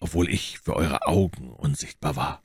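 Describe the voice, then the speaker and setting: A stern, coldly menacing nobleman speaks slowly and quietly in a very low, husky voice, as read by a male narrator. The audiobook recording is dry and close. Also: dry recording, full character voice. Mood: accusing. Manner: slow, measured, threatening. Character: stern cold nobleman, adult, menacing calm. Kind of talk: audiobook character voice.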